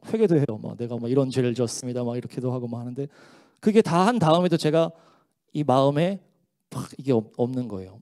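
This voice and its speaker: A man's voice: fairly high pitch, darkish tone. A man pastor giving an earnest, emotional testimony during a church service. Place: church sanctuary during worship.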